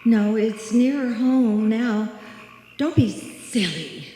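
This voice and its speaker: In a live old-time radio suspense play staged in a hall, a woman plays a frightened woman walking home alone at night, haltingly reassuring herself. Her voice is fairly high, animated and mellow. The echoey hall gives a long reverb, with faint noise underneath.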